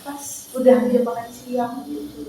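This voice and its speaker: A woman's voice: a little high, steady tone, a little slow, warm tone. A young woman, a university student, answering interview questions casually with some hesitation. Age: young adult. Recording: echoey room, far from mic, faint noise.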